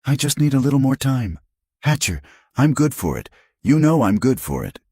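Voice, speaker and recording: A man's voice: mid-range voice, sing-song, normal speed, dark tone, slightly rough, no echo, clean studio sound, pitched above the performer's own voice. A man voicing a drunken, broke father in a western audiobook, slurred and whining.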